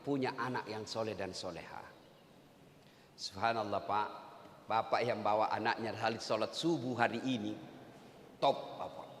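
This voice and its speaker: A man's voice: lowish voice, fairly even intonation, normal speed, pauses often, long reverb tail, slight background noise. A man preaching a humorous sermon to a congregation, firing rhetorical questions at the crowd and answering them himself. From Indonesia.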